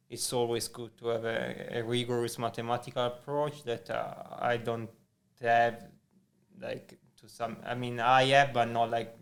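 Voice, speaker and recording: Flat, gravelly Italian-accented man. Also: medium pitch. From Italy. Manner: hesitant, many fillers and restarts. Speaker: guest. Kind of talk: casual interview chat.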